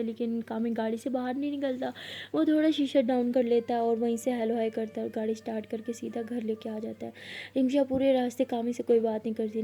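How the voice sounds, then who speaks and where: A woman telling a story in a loose, chatty way, her voice sitting a little high. The tone is mellow and soft-edged rather than bright. She moves through the scenes like she is recounting them to a friend. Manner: conversational, loosely paced retelling. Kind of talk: casual storytelling narration.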